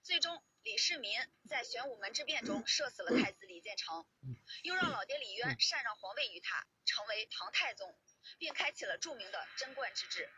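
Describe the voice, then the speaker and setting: High, very bright, raspy woman narrator. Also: lively intonation, normal speed, no echo, rough recording. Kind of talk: scripted history narration.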